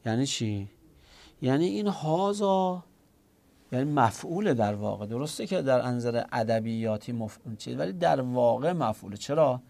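A man's voice: medium pitch, expressive, creaky, darkish tone. A man teaching a grammar class, explaining step by step, asking himself questions and answering them, and speaking directly to his students.

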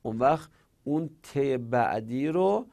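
A man teaching a grammar lesson, patiently explaining rules and repeating examples slowly. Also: mid-range voice, animated, vocal fry, mellow. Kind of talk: classroom lecture.

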